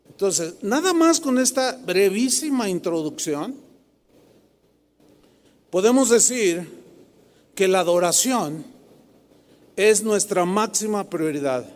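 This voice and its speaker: A middle-aged man with a Mexican accent, preaching a sermon to a congregation, animated and confrontational, often asking the crowd questions. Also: high voice. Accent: Mexican Spanish. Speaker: pastor. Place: large hall with a live congregation. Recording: long hall reverb.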